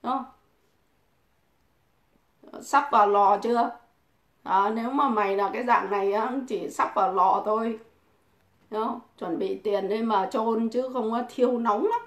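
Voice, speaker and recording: A woman's voice: fairly high pitch, a little slow, long pauses. A woman, crudely taunting and cursing in a mocking livestream rant. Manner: mocking, provoking, swears constantly. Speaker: livestream host. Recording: echoey room.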